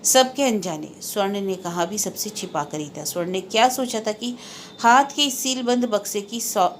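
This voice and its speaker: Woman narrator, audiobook novel reading, measured, literary, mid pitch, faint background hiss.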